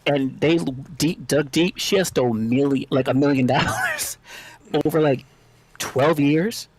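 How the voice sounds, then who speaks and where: A man's voice: on the high side, huge pitch swings, unhurried. A man on a panel talk, telling stories in a rambling way and chuckling as he goes. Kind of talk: casual panel discussion.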